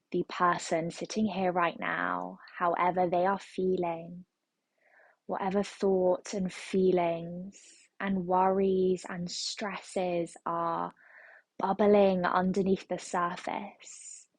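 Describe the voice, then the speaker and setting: A woman leading a yoga class through a slow, soothing guided meditation. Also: fairly low pitch, flat delivery, creaky, no room sound. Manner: slow, soothing, repetitive phrasing. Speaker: yoga teacher.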